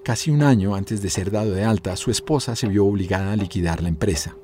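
Low, mellow documentary narrator man. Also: slight background noise. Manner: measured, scripted delivery. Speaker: narrator and interviewer.

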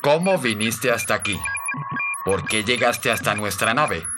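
A man voicing a calm, commanding male alien aboard a spaceship, speaking slowly and soothingly in a radio drama. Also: lowish voice. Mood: calm, coaxing. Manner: slow, soothing, authoritative. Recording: music playing underneath.

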